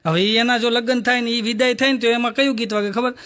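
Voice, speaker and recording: High bright-voiced comic storyteller. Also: male voice, fairly even intonation, fast talker. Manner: repetitive, sing-song comic storytelling. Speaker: stand-up comedian. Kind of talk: stand-up storytelling.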